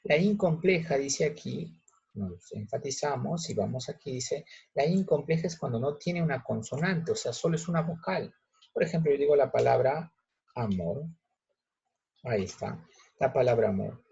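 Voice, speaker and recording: A male teacher patiently explaining a grammar lesson step by step, checking in with students with quick questions. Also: mid-range voice, animated, gravelly, dark tone, slightly rough. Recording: muffled lo-fi recording.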